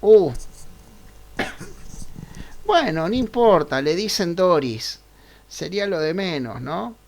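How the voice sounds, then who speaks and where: A man's voice: high voice, sing-song. A man teaching a programming class online, thinking aloud as he works through code and often checking in with his students. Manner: unhurried, checks in with frequent "right?" tags. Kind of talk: live online class, thinking aloud over screen share.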